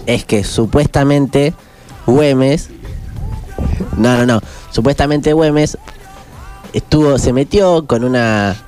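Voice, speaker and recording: A man's voice: medium pitch, slow, pauses often, soft background music. A man with an Argentine Spanish accent co-hosting a podcast, telling stories casually with slang fillers. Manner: relaxed storytelling with slang fillers. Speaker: podcast co-host.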